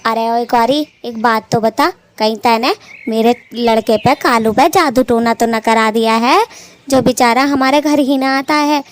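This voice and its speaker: This is a sharp-tongued old mother-in-law bird from a cartoon, acted by a woman, with a high voice. She taunts and scolds in rustic village speech and never lets up. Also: unhurried, lightly acted. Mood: accusing.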